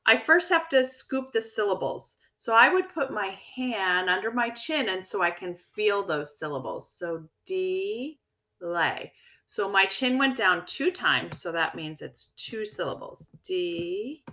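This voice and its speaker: A woman teacher talks young pupils through a word lesson in a bright, clear voice. She speaks slowly and patiently, and her pitch rises and falls a lot as she explains. She checks in often to keep the children following. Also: lively intonation. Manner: slow, clear, encouraging teacher talk with checking questions. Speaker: elementary school teacher. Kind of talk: recorded vocabulary lesson for children.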